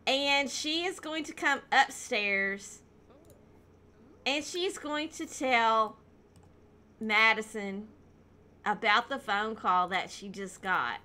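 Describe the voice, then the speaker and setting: A woman's voice: on the high side, takes it slowly, long pauses, bright, forceful tone. A woman casually narrating a life-simulation game, telling the story in a chatty way with lots of "you know" and "um". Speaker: gameplay narrator.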